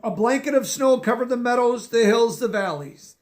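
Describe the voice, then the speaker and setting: Reading a children's picture book aloud, a man with a notably high, animated voice brings gentle expression to the story. Now and then he stops to explain a word or two for young listeners.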